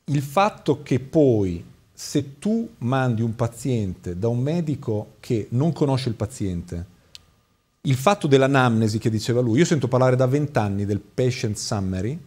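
A man's voice: mid-range voice, animated, a little slow, a little mellow, breathy edge. A man speaking as a doctor and studio guest on a talk show, critical and hesitant, with many fillers.

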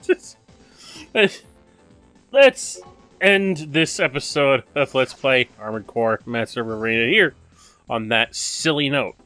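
A man hosting a let's play, commenting on a video game with excitable, yelping reactions. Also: medium pitch, slow pace, pauses often, dry recording, faint music behind.

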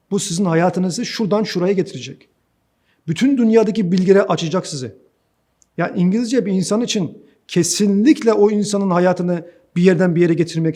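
A man, an IT course instructor, giving a chatty, preachy advice talk and speaking to his viewers as friends. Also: high voice. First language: Turkish. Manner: animated, preachy, chatty, addresses listeners as friends. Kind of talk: direct-to-camera advice talk.

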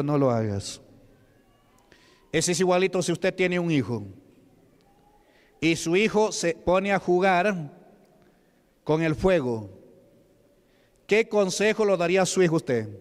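A man with a Peruvian Spanish accent preaching a sermon as a deacon, reading scripture slowly and questioning the congregation. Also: on the high side, clean tone. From Peru. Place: church hall. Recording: long church reverb.

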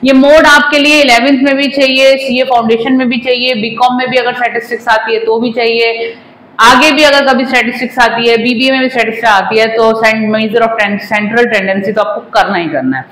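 Brisk and steady, with a fairly high pitch and fairly bright tone, a woman in her forties teaches maths at a whiteboard. She is a commerce teacher who speaks politely to her students and blends in English phrases. A lapel mic picks her up in an echoey classroom.

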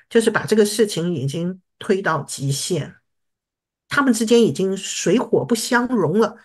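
A woman's voice: fairly low pitch, breathy edge. A woman teaching English vocabulary to a class, explaining patiently and often checking that students follow. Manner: patient, checks understanding with repeated questions.

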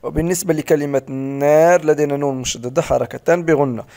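Man, recitation teacher, patient corrections, slow demonstrations, mellow warm tone. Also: fairly high pitch, fairly even intonation, creaky. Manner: patient, slows down to model correct pronunciation.

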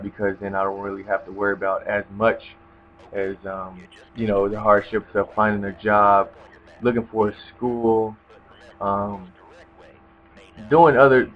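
A young man giving casual gameplay commentary in a rambling, hesitant, laid-back way. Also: lowish voice. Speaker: gamer commentator. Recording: dull lo-fi mic with loud noise.

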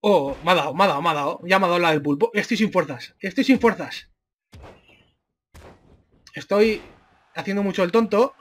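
A man with a Spain Spanish accent doing excitable let's-play commentary, yelling and swearing at the game. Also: sits high, moderate pace, pauses often. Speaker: gamer.

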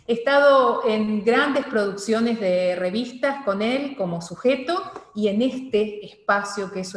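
A woman in her thirties, a television presenter, interviewing a guest with expressive questions. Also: mid-range voice. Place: small studio room. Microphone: desk mic. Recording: echoey room with long reverb.

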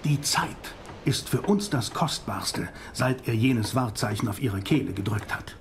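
An actor playing a determined, commanding vampire-hunting professor in an audio drama, grave and urgent. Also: male voice, mid-range voice, lively intonation, a little slow, background noise. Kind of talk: German audio drama acting. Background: music.

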